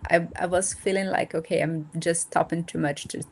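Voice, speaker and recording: Fairly low in pitch, gravelly and a little mellow, with fairly even intonation, this woman is a Brazilian nonprofit founder in her 30s from the north and northeast, Portuguese being her first tongue. Appearing as a guest over a remote video call, she talks casually and thoughtfully, often pausing and using fillers to search for words.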